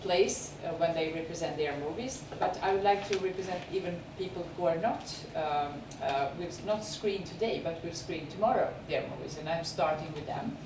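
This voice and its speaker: Introducing films and interviewing guests off the cuff, this film festival host speaks haltingly with a Serbian accent as she hunts for words. Her voice is lowish. She is recorded far from the microphone in an echoey screening venue with noise in the room.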